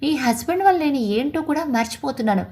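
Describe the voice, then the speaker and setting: A woman voicing a kindly, fatherly middle-aged male film director who jokes gently in a read-aloud story. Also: high voice, lively intonation, fast talker. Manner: warm, joking, fatherly.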